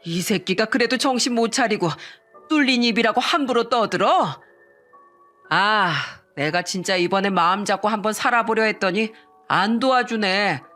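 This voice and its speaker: A woman's voice: mid-range voice, normal speed, a bit bright, faint music behind, lightly acted. A woman reading the lines of a young male con-man fiancé, mocking and threatening in a synthetic-sounding voice. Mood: sneering.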